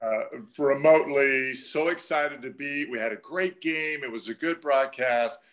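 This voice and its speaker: A man, a team broadcaster, telling a travel story in an animated, casual way. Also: mid-range voice, a little slow. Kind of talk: casual podcast chat.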